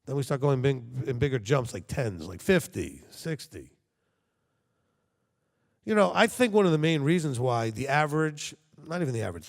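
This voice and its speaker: Delivering a sermon to his congregation, this man has a medium-pitched voice with vocal fry, and a long reverb trails each phrase. His style is conversational, peppered with rhetorical questions to check in with listeners.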